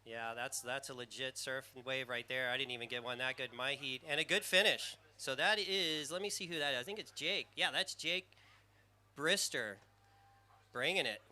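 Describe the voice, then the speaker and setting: A man calling a live surf contest, excitable and rambling, with a squeaky surfer voice, naming riders by jersey color. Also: moderate pace.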